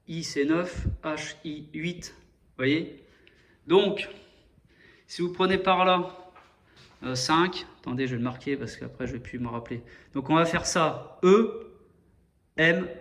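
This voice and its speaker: Bright-voiced man rambling to viewers. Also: on the high side, slow pace, pauses often. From France. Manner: hesitant, restarts often, addresses viewers directly. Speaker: video host explaining number codes. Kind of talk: rambling explanatory monologue.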